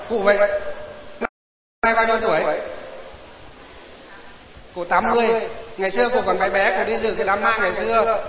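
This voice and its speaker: High-voiced preacher in an echoey hall. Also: male voice. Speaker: Buddhist preacher. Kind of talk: sermon to villagers. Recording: echoey hall, dull lo-fi sound.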